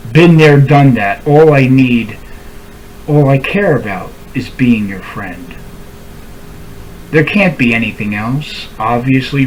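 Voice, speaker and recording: A man's voice: fairly high pitch, a little hiss or hum, poor audio. A man speaking straight to camera in a heartfelt, pleading monologue that keeps circling back on itself. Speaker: vlogger. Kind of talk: emotional direct-to-camera monologue.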